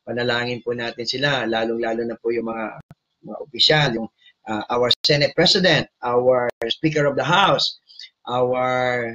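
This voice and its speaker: A Filipino man preaching and leading prayer, switching between Tagalog and English and often asking his listeners questions in a loud, emphatic voice. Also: medium pitch, steady tone, a little slow, muffled recording. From Philippines. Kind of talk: sermon and prayer.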